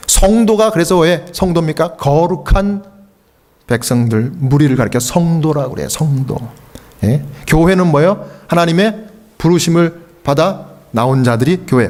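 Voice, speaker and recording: A middle-aged man from Korea, a pastor preaching at a revival meeting, telling a story and acting out the voices in it, often rising to shouts. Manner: acts out quoted voices, shouting the high parts. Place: church sanctuary.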